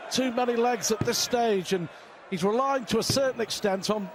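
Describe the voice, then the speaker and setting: A man's voice: extremely high pitch, moderate pace, a crowd in the background. A man giving live darts commentary in an emphatic way, repeating phrases for effect. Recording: clear venue noise behind the voice.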